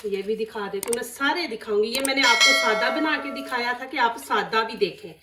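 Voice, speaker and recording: A woman's voice: a little high, fairly quick, very noisy. A woman with a sore, dry throat giving a chatty step-by-step cooking demonstration in her home kitchen, walking viewers through each stage. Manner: chatty and instructive, often says "see this". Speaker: cooking channel host. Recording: echoey room, mic at a distance.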